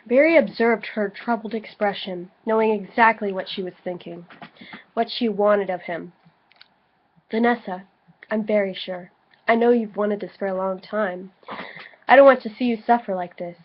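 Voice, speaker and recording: Speaking unhurriedly in a mid-range voice with long pauses, a co-host of a dramatic reading video reads aloud for laughs and banters casually. She's a bit tipsy, giggly and profane, and the home recording sounds dull and lo-fi.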